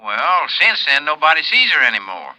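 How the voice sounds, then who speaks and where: A man's voice: a little high, sing-song, normal speed, sharp tone, full character voice, low-quality recording. An actor playing a folksy, easygoing male informant with a drawl in a 1950s radio drama.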